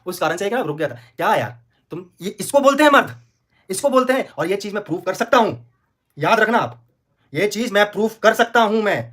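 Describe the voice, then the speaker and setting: A man's voice: sits high, lively intonation, fairly quick, a bit bright. A man arguing heatedly on a livestream, repeating himself, pleading and threatening in turns. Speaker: vlogger on a livestream.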